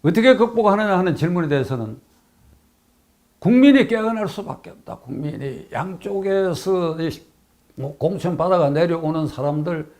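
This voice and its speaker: A man's voice: fairly high pitch, expressive, moderate pace, a little mellow. An older man from South Korea giving a political commentary monologue on his own channel, emphatic, repeating key phrases and asking rhetorical questions.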